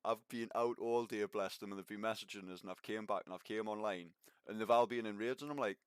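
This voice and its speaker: Deep-voiced Geordie-Northumbrian man, laid-back and sweary. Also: steady tone, fast talker, clean tone, no room sound, clean studio sound. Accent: mixed Northumbrian and Geordie. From Northumberland, England. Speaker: game streamer. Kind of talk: casual chat while gaming online.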